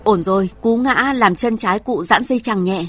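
An actress playing a calm hospital doctor in a radio drama, brisk and reassuring. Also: female voice, medium pitch, close to an everyday voice.

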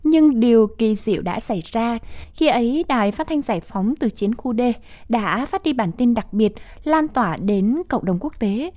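A woman's voice: fairly high pitch, lively intonation, moderate pace, dark tone, lightly acted. A woman co-hosting a radio program in a formal, scripted way. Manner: formal, polished.

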